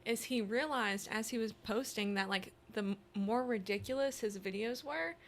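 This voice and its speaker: A woman co-hosting a casual podcast, talking chattily and often agreeing. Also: fairly high pitch. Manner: chatty, frequent "like" and quick agreement. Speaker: co-host. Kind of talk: casual conversation. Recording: faint background noise.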